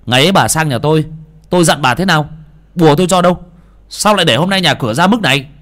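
A man's voice: sits low, very animated, brisk, a little mellow. A man voicing a blunt, hot-tempered young exorcist who scolds sharply. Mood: furious scolding.

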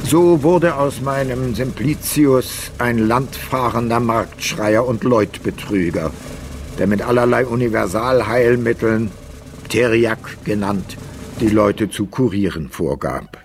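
A man's voice: mid-range voice, slow, a little hiss or hum. A man narrating a German literary radio play as a scripted storyteller.

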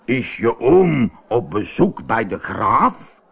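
Storybook innkeeper, male, fawning and slow, high-pitched, husky; read by a man. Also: big pitch swings, some chatter behind, exaggerated voice.

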